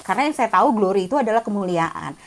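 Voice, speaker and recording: A woman's voice: mid-range voice, expressive, very fast. A woman in her forties giving a casual, chatty sermon reflection over a video call, self-deprecating and laughing often. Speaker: guest speaker at prayer meeting.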